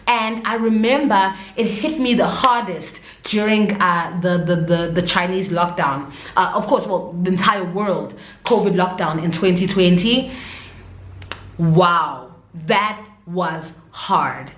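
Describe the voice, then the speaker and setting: A woman with a fairly low, slightly bright voice speaks slowly in a casual chat to camera, an expatriate teacher vlogging with a South African accent. She tells stories expressively, adds Zulu interjections, and the recording is echoey.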